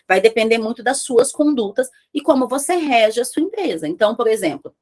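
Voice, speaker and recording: A woman's voice: on the high side, lively intonation, fairly quick, a little mellow. A woman mentoring business owners, speaking with emphasis and firing rhetorical questions at her listeners. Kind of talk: motivational talk to entrepreneurs.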